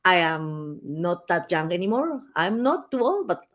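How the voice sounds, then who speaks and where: A woman's voice: fairly low pitch, sing-song, unhurried. Chatty Peruvian woman in her thirties. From Peru. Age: 30s. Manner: chatty with frequent fillers and restarts. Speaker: guest speaker. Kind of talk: conversational interview.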